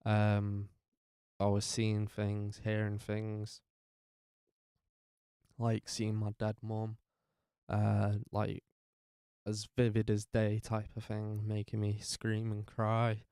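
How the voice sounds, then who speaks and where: Young man, tired, very flat delivery, smooth voice, dry close sound, halting speech. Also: on the low side, no room sound. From North West England. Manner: halting, with many fillers and restarts. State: tired, up very early. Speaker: vlogger. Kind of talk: personal life story told to camera.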